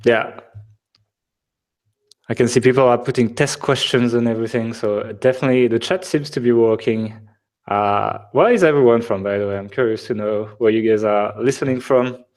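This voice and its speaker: A man's voice: medium pitch, moderate pace, a little mellow. A man with a French accent hosting a live webinar, chatting casually and joking, with lots of filler words. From France. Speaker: webinar host.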